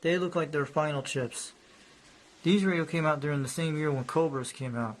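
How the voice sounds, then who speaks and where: A hobbyist shows off an old radio, narrating casually while rambling and repeating himself in a show-and-tell style. His voice is a little high, his pace moderate, and the recording rough.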